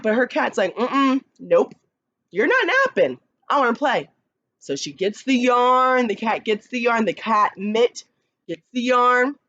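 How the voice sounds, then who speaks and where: A woman who teaches kindergarten, reading picture books aloud slowly and expressively, with chatty asides to the children. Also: dull audio. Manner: slow, expressive read-aloud with lively pitch, chatty asides.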